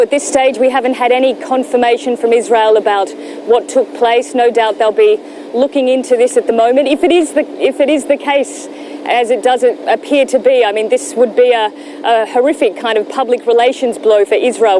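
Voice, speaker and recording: A woman reports live on location in Gaza as a news correspondent, explaining things in a measured way. Her voice sits on the high side with fairly even intonation, and the noise of vehicles is clearly audible behind her.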